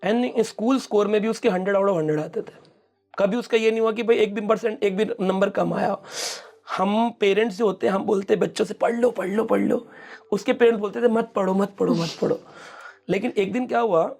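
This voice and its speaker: A man's voice: high-pitched, quick pace, a little mellow. A middle-aged man, a spiritual speaker, explaining scripture in an interview and acting out quoted speech as he tells stories. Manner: storytelling, mixes English words, acts out quoted speech.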